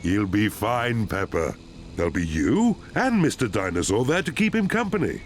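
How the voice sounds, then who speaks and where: A man's voice: fairly low pitch, moderate pace, noisy background. A jolly father pig. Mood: reassuring. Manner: calm and reassuring. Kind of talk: children's cartoon voice acting. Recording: studio voice over loud music.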